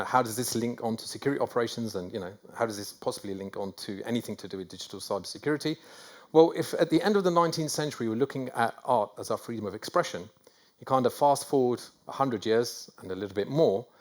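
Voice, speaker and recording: A middle-aged man with a North London accent giving a conference talk, self-deprecating and rambling with many fillers and restarts. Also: mid-range voice. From England. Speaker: conference speaker. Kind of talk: conference presentation. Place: conference hall.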